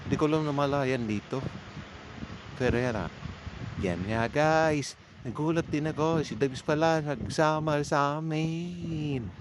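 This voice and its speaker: Unhurried and a little high in pitch, a man with a Filipino accent narrates a vlog, talking to viewers in a chatty, informal way. The amateur recording is clearly noisy.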